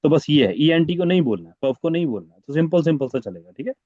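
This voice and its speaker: A slightly high-voiced man teaching French over a video call, patient and repeating words again and again. His voice comes through dry and muffled, like lo-fi call audio. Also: sing-song, quick pace, warm tone, dry recording. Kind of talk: online class teaching.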